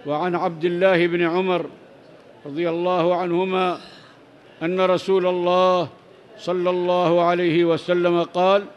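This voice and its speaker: A man's voice: high-pitched, little pitch movement, moderate pace, lo-fi sound. A man teaching a religious lesson, reading narrator chains and texts aloud, then explaining them in plain words and adding short prayers. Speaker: Islamic teacher reading hadith.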